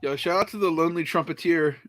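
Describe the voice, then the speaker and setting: A man co-hosting a live stream, joking loudly and laughing as he riffs on a broadcast. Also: a little high, fast, crowd noise. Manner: loud, joking, laughs often. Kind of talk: casual commentary over a broadcast.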